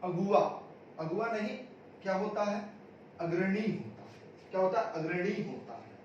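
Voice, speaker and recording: A man's voice: high-pitched, expressive, a little slow, slight background noise. Guy teaching grammar drills, echoey room, mic far off and a bit dull. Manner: repetitive question-and-answer drilling. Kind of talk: exam-prep Hindi grammar lesson.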